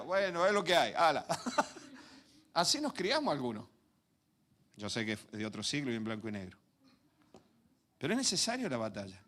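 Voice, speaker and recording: A man preaching a Sunday sermon, telling anecdotes and acting out quoted voices with laughs at his own stories. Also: fairly high pitch. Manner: lively, acts out quoted voices, laughs at himself.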